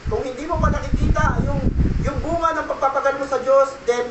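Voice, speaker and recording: A male pastor with a very high-pitched voice delivers a church sermon. He keeps asking "okay?" and slips into English now and then. The voice rings out in a roomy church hall, picked up from some distance, with a faint hum of ambience behind it. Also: fairly even intonation, a little fast. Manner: preaching with repeated "okay?" check-ins and Taglish. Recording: echoey church room, mic at a distance.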